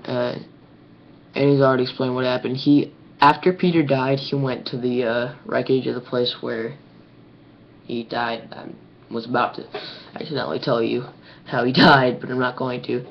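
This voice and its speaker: A teenage boy with a creaky, medium-pitched voice rambles casually through a comic story on his webcam mic, filling it with ums and likes. His tone stays steady at a moderate pace. The lo-fi webcam audio sounds dull with a faint hiss.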